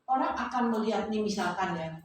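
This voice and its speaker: A woman preacher, giving a conversational sermon at a church service in a lively, chatty way, full of tag questions. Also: mid-range voice, a little fast. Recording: very echoey, noisy church hall from far off.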